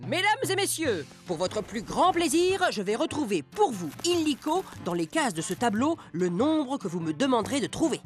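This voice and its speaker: A woman's voice: a little high, sing-song, normal speed, few pauses. A woman voicing a showy stage magician who grandly announces a number trick in a children's educational show. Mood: grandiose.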